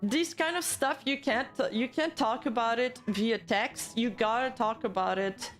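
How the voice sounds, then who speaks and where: A woman's voice: fairly high pitch, a little slow, faint music behind. A woman hosting a livestream, chatting and commenting casually as she reacts to viewer comments. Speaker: livestream host.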